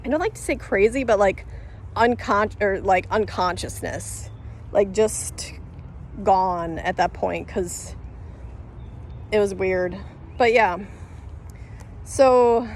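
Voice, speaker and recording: A woman's voice: medium pitch, expressive, slow, pauses often, a little hiss or hum. A woman telling a story to camera in a casual, rambling way, full of fillers and restarts, laughing as she goes. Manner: rambling, many fillers and self-corrections; laughs through her telling. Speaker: vlogger.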